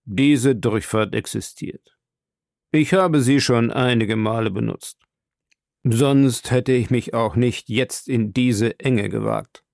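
A stern, proud submarine captain, read by a man in a calm and commanding audiobook voice. His tone is gravelly with fry at the ends of phrases, and the recording is dry and close. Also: mid-range voice, slow, no echo. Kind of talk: audiobook role reading.

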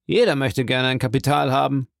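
A man's voice: medium pitch, a little fast, gravelly, no echo, clean studio sound, lightly acted. A man voicing a greedy, scheming male ex-convict who needles and wheedles, in a storybook reading.

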